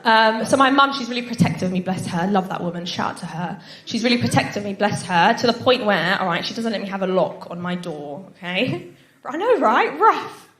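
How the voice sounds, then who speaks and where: A woman's voice: medium pitch, expressive, brisk, fairly bright tone. A woman doing live stand-up, chatty with the audience and given to snorting giggles. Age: 20s. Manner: giggles and snorts while laughing; chatty, addresses the audience with frequent tag questions. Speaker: stand-up comedian. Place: stage at a live comedy night. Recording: echoey live venue with background noise.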